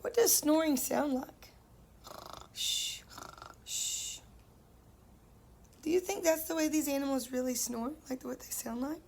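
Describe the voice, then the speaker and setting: A woman's voice: high voice, a little slow, vocal fry, long pauses, a little mellow, a little hiss or hum. A woman teacher reading a picture book aloud to children, stopping to ask them questions and playfully singing the animal noises.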